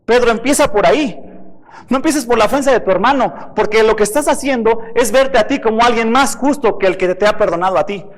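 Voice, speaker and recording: A man's voice: very high-pitched, brisk, long reverb tail. A man preaching a sermon as pastor, emphatic, asking the listeners rhetorical questions. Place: church.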